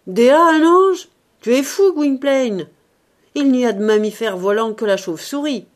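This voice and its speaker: Lady reading as a grumpy old showman guy in an audiobook, loud and blustery, voice swoops up and down. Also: on the high side, animated, a little slow, voice pushed up. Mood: bossy. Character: grumpy old male showman, sardonic and gruff.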